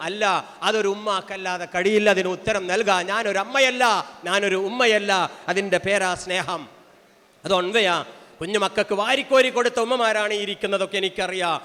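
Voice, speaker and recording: A man speaks at a family gathering in a strikingly high voice. He preaches with fervour, repeating his points and firing rhetorical questions at the crowd. His voice rings out with a long reverb, as if filling a large hall. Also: fairly even intonation, brisk, bright, forceful tone. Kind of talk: impassioned public speech.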